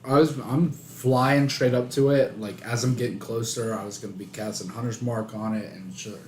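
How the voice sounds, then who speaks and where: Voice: medium pitch, fairly even intonation, normal speed, a little mellow, echoey room, slight background noise. A player at a tabletop game, chatting enthusiastically with the table. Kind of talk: casual chat at a game table.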